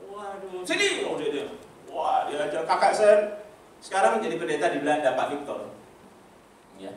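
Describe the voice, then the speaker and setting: An older pastor preaches his personal testimony in a church hall, telling lively stories with animated asides to the congregation and acting out other people's voices. He speaks at a fairly high pitch and normal speed, recorded from far off in the echoey hall with slight background noise.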